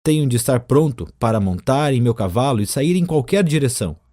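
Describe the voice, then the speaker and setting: A man's voice: mid-range voice, expressive, brisk, warm tone, natural voice. A man reading an audiobook, voicing a vain, self-absorbed knight who answers insistently and defensively.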